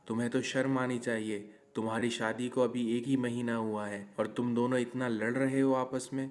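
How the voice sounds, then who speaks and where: A man's voice: medium pitch, level tone, moderate pace, natural voice. A man voicing a scolding mother-in-law. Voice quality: scolding, admonishing. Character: middle-aged mother-in-law, scolding but caring. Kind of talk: cartoon story voice acting.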